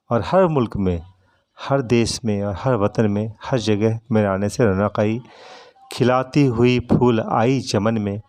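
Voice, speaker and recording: A male teacher explaining a children's poem. He recites each verse line, then slowly paraphrases it. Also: medium pitch, mellow.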